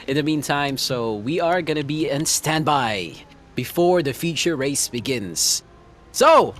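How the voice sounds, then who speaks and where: A man doing casual live commentary on a sim racing stream, relaxed and chatty, laughing often. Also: fairly high pitch.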